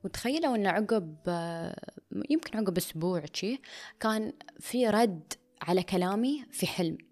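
A woman's voice: mid-range voice, animated, normal speed, a little mellow. A woman speaking in an intimate, confessional way, often dropping to a near whisper and slipping into English phrases. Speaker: vlogger. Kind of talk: personal confessional monologue.

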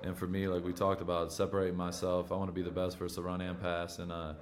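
A man's voice: low voice, completely flat delivery, quick pace. A man from Michigan with an American accent, chatting casually on a podcast in slangy, profane frat-bro talk. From Michigan, USA. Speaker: pro football player on his own podcast.

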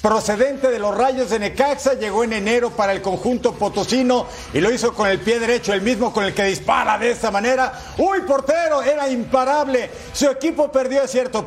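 A man's voice: high-pitched, brisk, few pauses. A man co-hosting a sports show, commenting on football in a playful, exclamatory way. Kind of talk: excited football highlights commentary and banter. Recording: music bed behind the voice.

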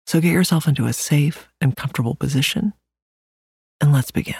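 A meditation host guiding a relaxation hypnosis in a soothing, deliberate way with long pauses. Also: medium pitch, creaky, a little mellow, husky, dry recording, clean studio sound. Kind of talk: slow guided relaxation hypnosis narration. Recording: music playing behind the voice. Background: music.

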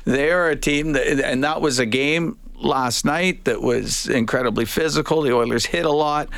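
A Canadian man co-hosting sports radio, giving casual commentary in a measured, halting way. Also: fairly high pitch, vocal fry, a bit bright, no room sound. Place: radio studio.

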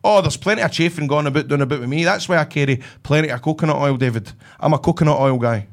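A Scottish man with a broad accent and a slightly high voice hosts a chatty podcast. He rants through comic stories in loose, sweary, colloquial speech, acting out the dialogue as he goes. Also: fast talker. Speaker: podcast host. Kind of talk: ranting comic anecdote, casual chat.

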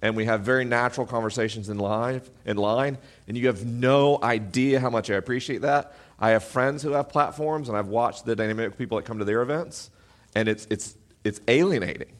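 Talking a little fast, the host of a live podcast event speaks from the stage through an amplified microphone. His voice is deep and booming, and he is animated and self-deprecating with the crowd.

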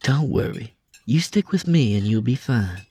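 A man voicing a sharp, wry young woman who speaks in a dry, teasing, matter-of-fact way in an audiobook. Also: medium pitch, animated, moderate pace, no room sound, pitched above the performer's own voice, natural voice.

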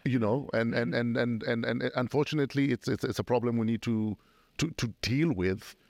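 A man's voice: medium pitch, normal speed, creaky, dry recording. A middle-aged man hosting a podcast, asking questions with a joking, probing manner. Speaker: podcast host. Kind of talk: casual chat.

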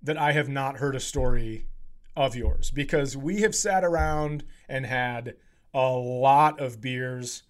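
On his podcast, a male comedian trades loose comic banter, animated, crude and self-mocking. He talks slowly, at a medium pitch.

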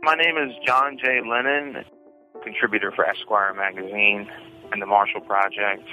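A man's voice: on the low side, steady tone, normal speed, faint music behind. A man calling in on a prison payphone, giving a casual spoken update in a rambling way, full of "you know" and "like". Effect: payphone call from prison. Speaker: incarcerated writer calling in. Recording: tinny dry phone line.

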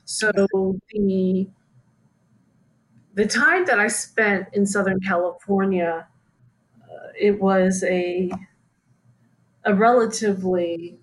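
Slow, measured woman guest. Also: fairly low pitch, rough recording. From United States. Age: 40s. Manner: thoughtful, measured, with fillers. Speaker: guest, activist and writer. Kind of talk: interview conversation.

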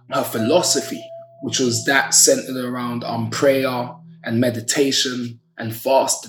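Casting: male storyteller, South London accent, mid-pitched and articulate, reflective delivery, music underneath. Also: fairly bright tone. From Brixton, South London. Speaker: social entrepreneur, activist and poet telling their story. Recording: roomy echo, music underneath.

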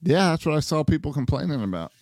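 A man's voice: on the high side, big pitch swings, quick pace, darkish tone, no echo. Dry-miked man chatting about sports. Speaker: sports podcast co-host. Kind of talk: casual baseball chat.

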